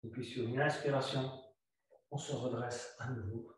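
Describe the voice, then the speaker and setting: Calm yoga teacher man in an echoey room. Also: mid-range voice. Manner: calm, instructive, repeats cues slowly. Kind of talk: guiding a yoga flow class. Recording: very echoey room, voice far from mic.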